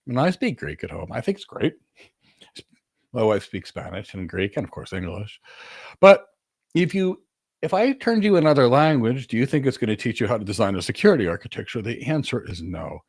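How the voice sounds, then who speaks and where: Fielding audience questions informally, a male career coach and host speaks in a gravelly voice on the low side, pressing his points assertively and repeating key words to stress them. The studio sound is clean, with no echo.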